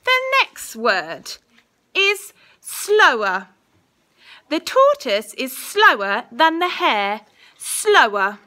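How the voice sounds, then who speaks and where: A young woman reads a school dictation as a primary teacher. Her voice is fairly high and bright, with lively swings in pitch. She enunciates deliberately and repeats the target words. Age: young adult. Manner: slow, deliberate enunciation, repeating each word. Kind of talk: school dictation, spelling test. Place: small indoor classroom. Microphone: phone at arm's length.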